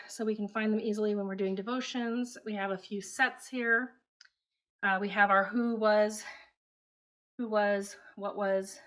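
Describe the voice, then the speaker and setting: A middle-aged woman who grew up in Taiwan, a homeschooling mother casually chatting as she shows her home. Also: medium pitch. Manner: relaxed, chatty, matter-of-fact. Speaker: homeschooling mother and channel host. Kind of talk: casual home tour vlog. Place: at home, indoors.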